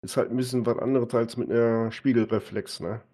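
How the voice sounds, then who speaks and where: Chatting while they game together on a live stream, a man addresses his partner conversationally and often adds a short tag question at the end. His voice is steady, mid-range, and dark in tone, with a brisk pace.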